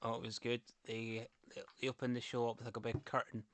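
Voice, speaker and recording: A man's voice: medium pitch, completely flat delivery, fast, a bit bright, slight background noise. A man co-hosting a casual podcast, with an English accent and an easygoing, agreeable way of talking. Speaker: podcast co-host. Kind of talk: casual chat.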